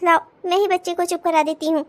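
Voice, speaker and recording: A woman's voice: extremely high pitch, level tone, fast. A woman voicing a headstrong young bride in a cartoon, speaking bluntly and defiantly. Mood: puzzled. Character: headstrong young bride refusing her new marriage. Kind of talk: cartoon voice acting.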